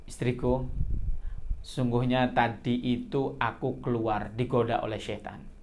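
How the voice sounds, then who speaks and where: A man's voice: mid-range voice, fairly even intonation, unhurried, a little mellow, a little hiss or hum, pitched below the performer's own voice, natural voice. A man voicing a humble young man who has just repented, speaking earnestly and pleadingly.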